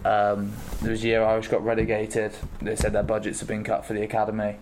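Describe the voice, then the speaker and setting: A young man in his twenties, a rugby player answering interview questions in a halting way with many pauses and fillers. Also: fairly low pitch, monotone, darkish tone, a little hiss or hum. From England. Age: 20s.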